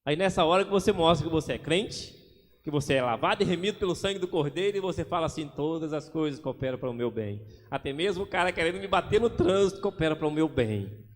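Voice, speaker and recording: High-voiced preaching man, hall echo. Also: fast. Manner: lively preaching, acting out little scenes. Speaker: pastor. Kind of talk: sermon. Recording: long hall reverb.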